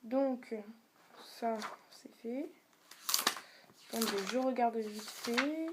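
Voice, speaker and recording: Slow, patient French-speaking woman teacher. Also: on the high side, heavy background noise. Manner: slow, patient, repeats sounds for the viewer to copy. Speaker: Chinese language teacher. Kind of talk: beginner video lesson.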